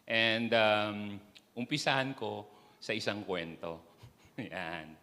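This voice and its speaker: Male church speaker, slow and halting, still recovering from a cough, reverberant church hall. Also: fairly low pitch, animated, bright, forceful tone. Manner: halting, self-deprecating, many fillers. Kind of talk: Taglish sermon.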